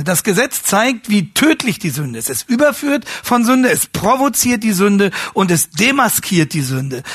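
A man teaching a class on how to preach, earnest and restating his words as he searches for phrasing, rising higher and louder when he stresses a point. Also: no room sound, clean studio sound. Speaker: homiletics teacher. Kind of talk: lecture on preaching.

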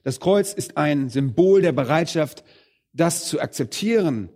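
A man delivering a sermon straight to his congregation, his voice rising and falling sharply. He hammers some words loud and slows down, then sinks into quiet, low phrases. His pace shifts often within a single thought. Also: expressive. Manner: emphatic, swings between loud stresses and quiet low phrases; addresses the congregation directly. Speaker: preacher.

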